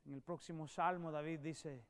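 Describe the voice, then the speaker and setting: A man preaching a sermon as a pastor, swinging from loud emphatic peaks to hushed storytelling. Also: on the high side, steady tone, moderate pace. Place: church sanctuary.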